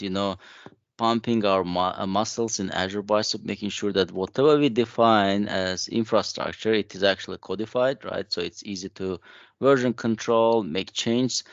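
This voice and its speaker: A man co-presenting a tech session in a relaxed, conversational way, with frequent fillers. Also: lowish voice, dry recording, dull audio. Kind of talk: casual conference chat.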